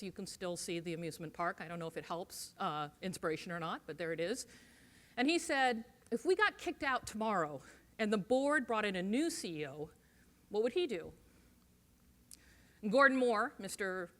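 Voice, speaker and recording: A woman giving a conference talk, telling stories in a lively way and acting out the quoted voices. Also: fairly high pitch. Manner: animated storyteller, acts out quoted voices. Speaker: conference speaker. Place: conference stage.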